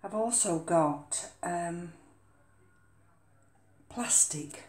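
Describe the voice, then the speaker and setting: A woman's voice: lowish voice, very slow, echoey room, very noisy. An older woman chatting casually about potting an orchid in her kitchen, hesitant with many ums and uhs. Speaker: orchid vlogger. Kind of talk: casual chat while potting a plant. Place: home kitchen.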